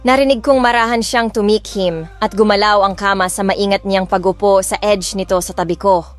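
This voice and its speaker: A woman with a Filipino accent and a mid-range voice narrates a first-person romance audiobook in Tagalog and English, voicing the heroine as well. She keeps a moderate pace and fairly even intonation, telling the story with restrained emotion over background music.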